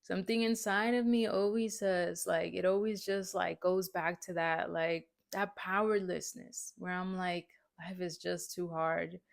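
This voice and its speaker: Woman telling her story straight to camera, bit of vocal fry, rambly and honest, keeps saying right?. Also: mid-range voice, steady tone, measured pace, hardly any pauses. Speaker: faith vlogger. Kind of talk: candid personal faith talk.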